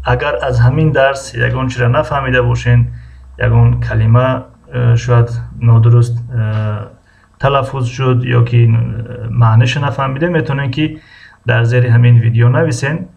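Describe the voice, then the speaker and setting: A man with a Tajik accent teaching English, reading model phrases slowly and explaining them with many hesitations. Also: medium pitch, steady tone, vocal fry, a little mellow, lo-fi sound. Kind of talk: language lesson explaining a dialogue.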